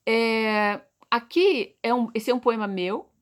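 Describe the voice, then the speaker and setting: A woman with a Brazilian Portuguese accent and a fairly high voice explains poetry to her viewers. She poses questions and answers them herself, and she breaks example words down slowly. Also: lively intonation. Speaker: poetry teacher.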